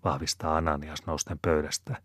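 Very deep-voiced man reading an audiobook. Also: no echo, clean studio sound. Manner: calm, measured reading. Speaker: audiobook reader. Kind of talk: audiobook narration.

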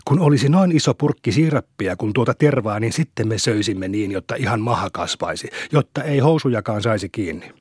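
A man voicing an excitable, curious young country boy in an audiobook. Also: lowish voice, hardly any pauses, slightly rough, no room sound, clean studio sound. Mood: dreamy.

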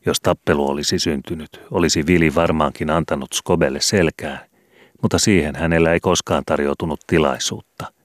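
A man narrates a children's book as an audiobook, reading in a steady, measured way. His voice is extremely deep. The recording is close and dry. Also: no room sound. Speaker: audiobook reader.

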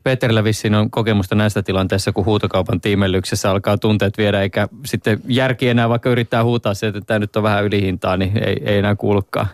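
A man's voice: lowish voice, flat delivery, few pauses, no room sound, clean studio sound. A man hosting a casual conversation, asking long, winding questions. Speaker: host. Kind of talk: casual interview.

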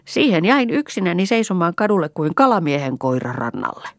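A woman reading an impulsive, talkative young village woman in an audiobook, lively and emotional. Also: fairly low pitch, no echo, studio quality, pitched above the performer's own voice. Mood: chatty. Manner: lively and chattering, quick to laugh and cry.

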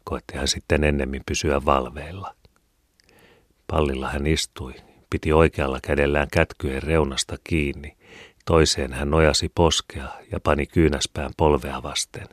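Male audiobook reader, very low voice, measured and even, dead-dry booth sound. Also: no echo. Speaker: audiobook narrator. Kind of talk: scripted narration of a classic novel.

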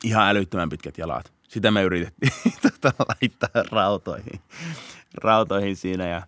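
A young man, a police officer, telling a story in a casual podcast interview, laughing often and shouting out bursts of the chase. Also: low voice, no room sound, clean studio sound. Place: podcast studio.

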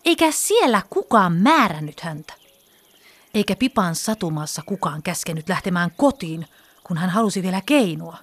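A woman reading a children's story aloud, expressive and sometimes dropping to a whisper. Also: lowish voice. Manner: expressive, with hushed whispered passages.

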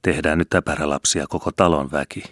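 A man's voice: rumbling low, steady tone, fairly bright tone, dry recording. A man voicing a tormented middle-aged farmhand who speaks in clipped, hissing outbursts, in a dry storybook reading. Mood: furious.

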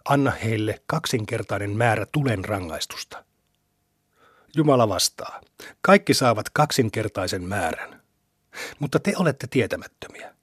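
A man reading scripture aloud in a measured, deliberate way, with his phrase ends trailing off breathy, on a close studio mic. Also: mid-range voice, dry recording. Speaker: scripture reader.

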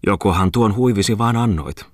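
A man's voice: fairly low pitch, no room sound, studio quality, voice pushed up, natural voice. A man voicing an older miller who calls out half joking, half serious. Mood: teasing. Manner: calling out, half teasing.

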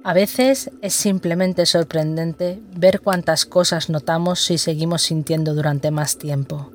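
A narrator leading a guided sensory meditation with slow, deliberate, instructional phrasing. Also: mid-range voice, steady tone.

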